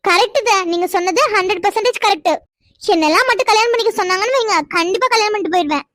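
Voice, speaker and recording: A spirited young village woman who protests at everything, voiced by a woman very high-pitched and rapid. She talks back fast and indignantly. Dry, close cartoon dub. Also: a bit bright, no room sound. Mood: complaining. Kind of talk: cartoon voice acting.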